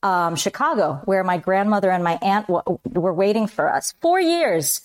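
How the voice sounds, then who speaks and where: Woman, 40s; chatty guest, smooth clear voice, mid pitch. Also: lively intonation, moderate pace. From Colombia, raised in Miami. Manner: chatty, warm storyteller, switches into Spanish phrases. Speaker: podcast guest. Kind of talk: casual interview chat.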